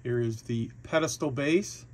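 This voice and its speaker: A man in a relaxed, chatty walkthrough. His voice sits at an ordinary middle pitch, and he talks casually, with plenty of fillers and restarts as he goes. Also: unhurried. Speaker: hobby shop owner reviewing a model kit.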